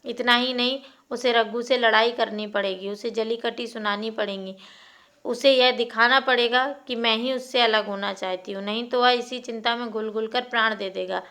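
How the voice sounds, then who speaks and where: A woman reading a classic short story aloud in a steady, expressive narration. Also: fairly high pitch, moderate pace.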